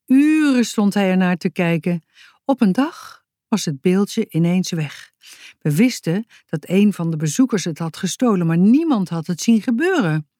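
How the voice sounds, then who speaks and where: A woman's voice: medium pitch, big pitch swings, normal speed, dark tone, no room sound, clean studio sound, lightly acted. A woman voicing a protective middle-aged mother in a children's audiobook, pleading and solemn.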